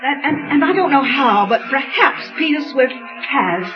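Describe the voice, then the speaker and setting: A woman's voice: high-pitched, animated, a little slow. An actress playing an anxious, refined young lady in old radio drama, earnest and worried. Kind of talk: 1930s radio drama acting. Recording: dull old radio recording with music.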